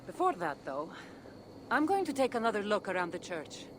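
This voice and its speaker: An actress voices a seasoned female artifact hunter in video game dialogue, wry and teasing yet solemn about her duty, her mood earnest and measured. Her natural, medium-pitched voice is very animated at a moderate pace, with faint music behind.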